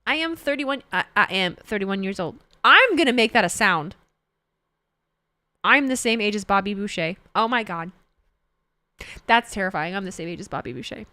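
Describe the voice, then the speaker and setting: A woman's voice: mid-range voice, animated, moderate pace, pauses often, bright, forceful tone, no room sound. Chatty woman in her thirties, dry mic. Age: 30s. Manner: chatty, rambling, self-correcting. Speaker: streamer. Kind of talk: casual livestream chat, reading chat.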